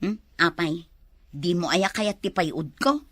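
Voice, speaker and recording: A woman playing Lorna, a loud nagging wife in a comedy drama who scolds and shouts at her husband. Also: fairly low pitch, takes it slowly. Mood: sulky. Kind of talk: comedy web drama acting.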